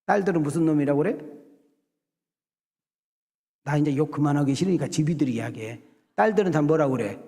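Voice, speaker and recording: A man's voice: a little high, a little fast, pauses often. Middle-aged male pastor, casual humorous preaching style with acted-out bits, recorded in a reverberant sanctuary. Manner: conversational, jokey, acts out scenes with shouted voices. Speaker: senior pastor. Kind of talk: sermon. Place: church sanctuary. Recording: long hall reverb in a church sanctuary.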